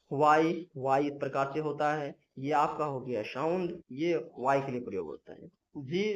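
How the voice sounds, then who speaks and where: A man teaching English letter sounds in a patient, repetitive, step-by-step lesson. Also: a little high. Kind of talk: Hindi-language English lesson. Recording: dull lo-fi sound.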